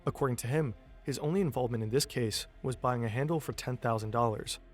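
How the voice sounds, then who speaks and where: A man delivers scripted documentary narration in a medium-pitched voice. He works as the narrator, with a music bed running behind him. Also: fast talker.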